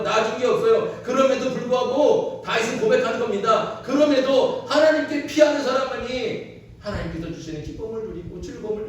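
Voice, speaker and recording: A male pastor with a fairly high voice, preaching an earnest sermon that presses each point with repetition. He sounds set back from the mic, with strong church-hall echo and faint room noise behind him. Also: far from the mic. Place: church sanctuary.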